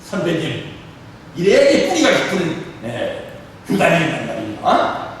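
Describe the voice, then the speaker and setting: A man in his sixties preaching a sermon as church leader, animated and full of rhetorical questions. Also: a little high, unhurried. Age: 60s. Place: church hall. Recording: echoey hall, distant mic, faint noise.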